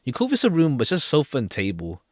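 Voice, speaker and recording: A man streams a game over background music, chatting and reading dialogue aloud in a rambling way, often repeating himself. His mid-range voice swoops wildly in pitch and moves very fast.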